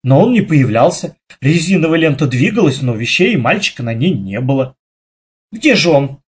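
Lively, husky male storybook narrator. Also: mid-range voice, fairly quick. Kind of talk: expressive children's audiobook reading.

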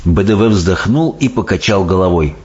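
A man reading a children's storybook aloud in a measured, expressive narration. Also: low voice. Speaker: audiobook narrator. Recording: dull audiobook sound, faint music.

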